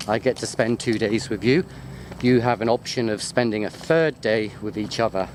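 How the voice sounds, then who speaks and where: This man from the UK has a lowish voice and talks at a moderate pace. He's a university lecturer making an unscripted walking video in a botanical garden, wandering off topic and joking as he goes. The clip is shot on a handheld wide-angle sports camera and picks up the outdoor sounds of his walk.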